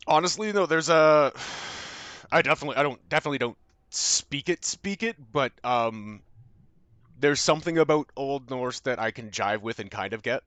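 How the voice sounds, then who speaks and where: Here a young Canadian guy, Canadian accent and all, talks with his stream audience as he games, loose and rambling, full of fillers and casual cursing. The voice is mid-range, animated, a bit bright, at an ordinary pace and free of echo.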